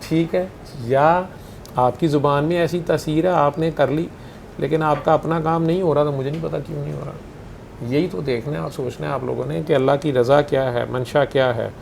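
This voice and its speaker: Speaking at normal speed in a slightly high, steady, darkish voice with vocal fry, a Punjabi-accented spiritual healer chats informally with his followers. He poses rhetorical questions and uses Punjabi phrases, and there's a faint hiss or hum.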